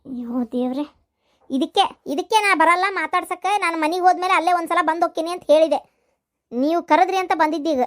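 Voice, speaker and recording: A woman voicing a meek young village daughter-in-law with a North Karnataka accent who talks in a soft, pleading way. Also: very high voice, quick pace, pitched below the performer's own voice. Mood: defensive. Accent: North Karnataka Kannada.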